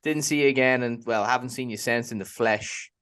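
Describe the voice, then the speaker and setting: A man's voice: mid-range voice, brisk, a bit bright, smooth. A man hosting an interview show, chatting in a friendly, upbeat way. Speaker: podcast host and interviewer. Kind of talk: casual interview.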